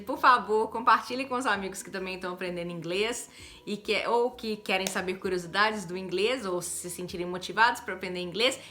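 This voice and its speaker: A Brazilian woman teaching English in a chatty, lively video lesson, often adding quick tag questions. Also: mid-range voice. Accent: Brazilian Portuguese.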